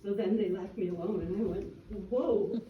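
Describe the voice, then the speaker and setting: A woman speaking at a community meeting, telling a personal complaint with emotion and acting out what others shouted at her. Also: mid-range voice, steady tone, fast talker, slight background noise. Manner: emotional, quoting others in raised voices. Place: meeting room. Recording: echoey room, far from the mic, dull sound.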